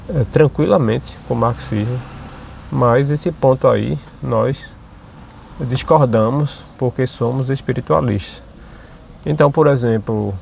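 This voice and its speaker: A man, hosting his own channel and explaining ideas in a measured monologue, often checking in with tag questions. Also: mid-range voice, gravelly, darkish tone, a little hiss or hum. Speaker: channel host.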